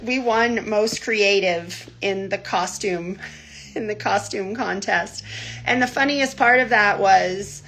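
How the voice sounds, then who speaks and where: A woman's voice: mid-range voice, takes it slowly, a bit bright. A woman hosting a weekly livestream news brief from inside a tiny house, chatty and laughing often as she greets viewers by name. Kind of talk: casual livestream chat.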